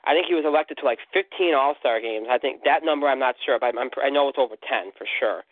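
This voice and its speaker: A man's voice: medium pitch, fast talker, no room sound. A man hosting a radio show in casual sports talk, often repeating and restarting his words. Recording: narrow phone-like radio sound.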